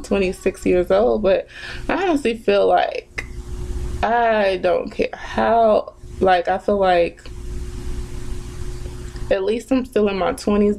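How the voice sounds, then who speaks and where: Woman, twenties, casual makeup vlog chat, unhurried, reflective, light background noise. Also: mid-range voice, vocal fry, darkish tone, low-quality recording. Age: 20s. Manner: chatty and reflective, with many fillers and restarts. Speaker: vlogger.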